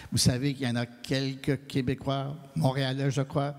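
A man's voice: medium pitch, flat delivery, moderate pace. Franco-American man in a reverberant hall. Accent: Franco-American French. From New England, United States. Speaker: guest writer. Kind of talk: answering audience questions. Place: stage of a large hall. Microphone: handheld mic.

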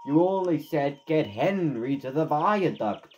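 A man chats in a lively, teasing way, his voice swinging up and down. He sits a little high in pitch, with faint noise behind him. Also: measured pace, highs cut off. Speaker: friend recording the stream. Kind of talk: casual chat.

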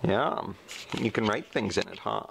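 A man's voice: lowish voice, normal speed, creaky, slight background noise. A man in his thirties chatting and joking into a handheld camera in a cluttered living room at home. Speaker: family vlogger. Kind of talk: casual home vlog.

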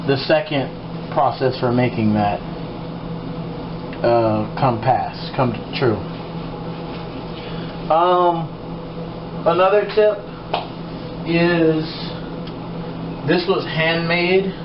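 A man films himself at the stove for a casual cooking vlog, rambling slowly and hesitating through fillers. His voice sits a little high. The sound comes from a camera mic in an echoey home kitchen, dull and noisy. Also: steady tone. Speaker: cooking vlogger.

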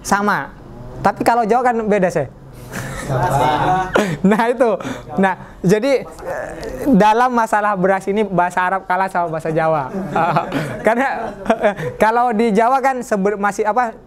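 A man's voice: high-pitched, lively intonation, moderate pace, a crowd in the background. A man teaching an Arabic class in a mosque, joking with his students and quizzing them as he goes. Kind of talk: classroom lesson.

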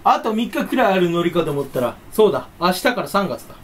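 Man, stuffy nose, solo channel chatter, playful and jumpy, lively pitch swings. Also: quick pace. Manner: playful, rambling, breaks into silly voices. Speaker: YouTuber. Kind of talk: casual solo chat.

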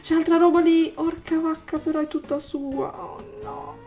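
A woman giving excitable gameplay commentary as a gaming YouTuber, exclaiming and taunting her opponents. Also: very high voice, moderate pace, very noisy.

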